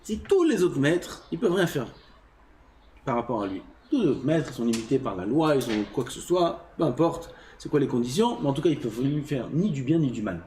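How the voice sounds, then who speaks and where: A man's voice: medium pitch, sing-song, a little fast, a little mellow, slight background noise. A man teaching a religious lesson as a rabbi. He reads passages of Hebrew text and explains them, asks the class questions, swings his voice up and down and sometimes drops almost to a whisper. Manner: asks the class questions and acts out everyday scenes.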